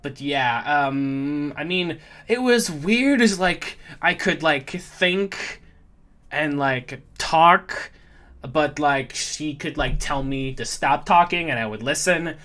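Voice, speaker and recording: A man's voice: on the high side, lively intonation, takes it slowly, bright, forceful tone, exaggerated voice. A man voicing a timid young woman accountant who stammers and apologizes as a witness in a tabletop game. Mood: nervous.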